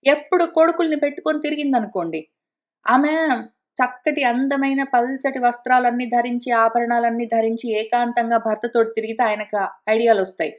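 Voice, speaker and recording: A woman teaching an ancient epic verse by verse. She chants the Sanskrit lines slowly, then explains each one in an emphatic storytelling manner, with English words mixed into her speech. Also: a little high, steady tone. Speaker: scripture teacher.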